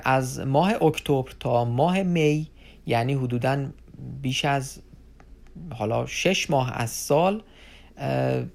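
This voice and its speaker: A man giving an unscripted informational talk to viewers as an advisor, addressing them as friends and pausing often on fillers. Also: mid-range voice, gravelly. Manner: unscripted explaining with many filler pauses.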